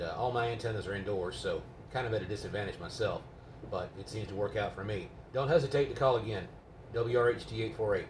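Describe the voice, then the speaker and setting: A man talking casually indoors as a home radio operator, explaining things in a patient, rambling way. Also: fairly low pitch. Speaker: amateur GMRS radio operator. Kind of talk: casual, unscripted radio chat. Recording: roomy, noisy, distant microphone.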